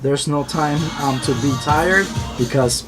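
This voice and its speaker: A man's voice: on the high side, measured pace. A man narrating his vlog in a casual, upbeat and heartfelt way, often talking about trusting his heart. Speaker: vlogger. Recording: voice-over with loud music behind.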